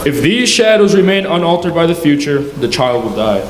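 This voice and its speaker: A man's voice: fairly high pitch, sing-song, moderate pace, slight background noise. A man playing a towering, solemn giant spirit in a live radio play, speaking in a stately, declamatory way. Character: Ghost of Christmas Present, towering solemn male giant spirit. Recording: echoey hall, music behind.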